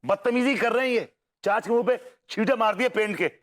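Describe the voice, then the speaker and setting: An actor in a TV sitcom playing a man who bluffs and scolds with animated talk. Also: very high voice, fairly quick, slight background noise. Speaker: sitcom character. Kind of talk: TV sitcom acting.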